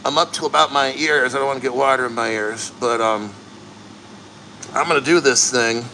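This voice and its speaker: A man chatting casually and bluntly to livestream viewers, earnest and straining through the cold as he sits neck-deep in an ice plunge. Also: moderate pace, sharp tone, slight background noise, low-quality recording. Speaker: livestream host.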